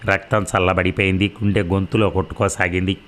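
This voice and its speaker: A man narrating a story in a measured, dramatic way. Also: low voice, level tone, a bit bright.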